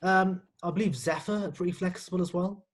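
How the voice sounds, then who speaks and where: A man, a mortgage broker guest, explaining lending plainly and quickly in a casual live Q&A. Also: high voice. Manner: explanatory, matter-of-fact, quick.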